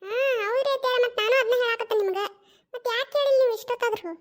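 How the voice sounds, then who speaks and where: A performer doing an insistent young cartoon daughter-in-law with a North Karnataka Kannada accent, her voice pitched extremely high. She coaxes and pleads in quick, pestering runs. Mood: coaxing. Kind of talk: cartoon voice acting.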